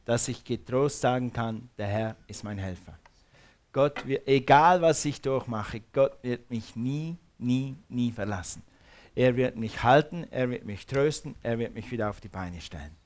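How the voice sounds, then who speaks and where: A man's voice: mid-range voice, unhurried, a little mellow. A man preaching a sermon, fervent and repetitive, calling on the congregation to repeat words after him. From Switzerland.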